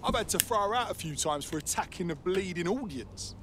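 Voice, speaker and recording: A man's voice: sits high, lively intonation, fairly quick, background noise. An actor playing a pushy, swearing male fight club recruiter in a video game. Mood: goading.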